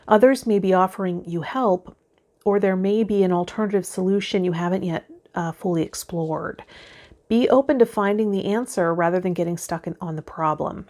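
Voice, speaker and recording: Her pitch sits fairly low and has a slightly mellow quality. This tarot vlog host and healer addresses her viewers directly with spiritual guidance, mixing passages read aloud with relaxed conversation.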